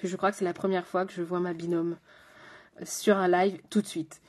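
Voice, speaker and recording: A woman's voice: on the low side, level tone, moderate pace, a little mellow. Chatty French woman doing a makeup live. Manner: chatty, talks straight to viewers and chat. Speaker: makeup artist. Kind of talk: live makeup stream chat.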